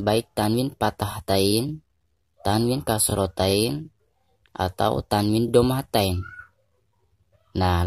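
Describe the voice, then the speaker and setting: Indonesian male recitation teacher, low dry voice, patient and repetitive, slows down for chanted examples. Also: vocal fry, darkish tone, no room sound. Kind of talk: tajwid lesson with recited examples.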